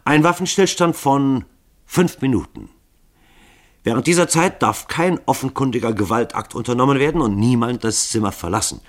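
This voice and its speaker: A man's voice: medium pitch, normal speed, voice pushed up, natural voice. A man reading a novel aloud, voicing the formal, courteous spokesman of a group of assassins. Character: formal male spokesman of a band of killers.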